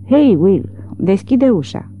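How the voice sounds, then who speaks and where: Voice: mid-range voice, big pitch swings, slight background noise, pitched above the performer's own voice, natural voice. A reader voicing a stout, furious farm wife who scolds breathlessly, on tinny phone-like audio.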